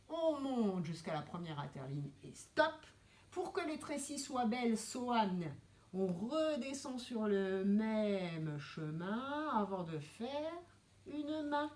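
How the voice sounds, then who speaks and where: A woman teaching a kindergarten handwriting lesson, her voice rising and falling a lot as she explains each stroke. She is precise and gently firm with the children. The classroom gives her voice a noticeable echo. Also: fairly high pitch, sing-song, slow pace.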